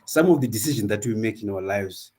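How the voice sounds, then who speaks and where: A low-voiced man gives a reflective personal talk at an online academic symposium. He speaks thoughtfully and haltingly, pausing to find his words. His voice comes through a video call. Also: animated, darkish tone. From Zimbabwe.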